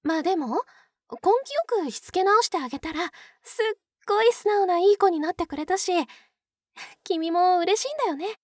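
A woman's voice: very high-pitched, lively intonation, normal speed, dry recording, studio quality. A woman playing an obsessive, possessive yandere captor in a Japanese ASMR role-play, cooing and coaxing as if to a pet. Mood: fond, menacing. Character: obsessive yandere older-sister type, sweetly possessive captor.

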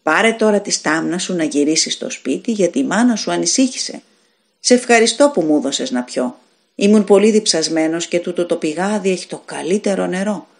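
A woman narrating a storybook gives voice to a mysterious young stranger, soft, calm and kind. Her pitch stays low and even, yet it still moves gently through each line. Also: creaky. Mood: gentle. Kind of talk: audiobook fairy tale reading.

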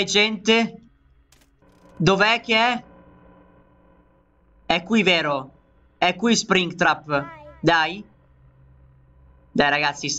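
Excitable male let's play host, high bright voice, slow delivery, dull lo-fi sound. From Italy. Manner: excitable, keeps calling out to viewers. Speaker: gaming channel host.

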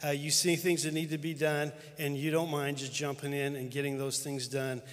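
A middle-aged man speaks with earnest reverence as he recounts years of shared ministry. His voice sits a little high. A long reverb trails each phrase through a big church auditorium. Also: little pitch movement, moderate pace. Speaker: denominational superintendent. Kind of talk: heartfelt tribute speech. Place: large church auditorium with live audience.

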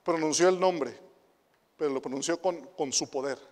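High-voiced Mexican man preaching in a reverberant hall. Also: moderate pace. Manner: animated preaching with rhetorical questions to the youth; swings between hushed asides and loud emphatic declarations. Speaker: pastor and youth director. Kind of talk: sermon.

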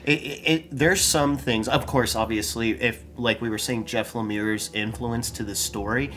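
This time the comic podcast co-host, a man in his thirties, sounds mid-range and a bit bright, with fairly even intonation at normal speed and a slight hiss or hum. He still chats animatedly, restarting sentences, into a desk-stand studio mic in a small room crammed with collectibles.

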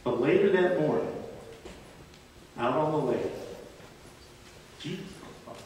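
A man preaching a sermon, telling a story slowly and deliberately with dramatic pauses. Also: a little high, expressive, a little mellow, a little hiss or hum. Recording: echoey hall from far off.

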